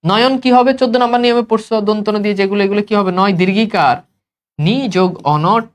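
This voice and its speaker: A man's voice: sits high, level tone, fast talker, smooth. A male teacher from Bangladesh giving an exam-prep grammar lesson, asking questions and answering them himself in a repetitive drill.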